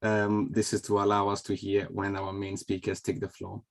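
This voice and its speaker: A man's voice: on the low side, monotone, normal speed, creaky. A man moderating an online event from a video call, welcoming people in a friendly way with frequent fillers. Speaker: webinar host. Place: home or office on a video call. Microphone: video call microphone.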